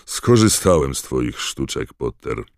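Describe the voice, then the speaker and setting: Gravelly old auror, read by a man: blunt, commanding, dry close sound. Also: very deep voice, sing-song, unhurried, no echo, exaggerated voice. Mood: gruff. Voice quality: hoarse, growling. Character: gruff scarred old male wizard, veteran auror.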